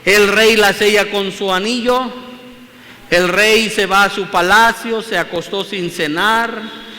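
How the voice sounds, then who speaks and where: A man preaches a sermon with a strikingly high, bright voice, speaking slowly and emphatically and often repeating his phrases. His words ring out with a long reverberant tail, over a faint hum of room noise. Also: steady tone. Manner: emphatic, repeats phrases, addresses listeners as brothers.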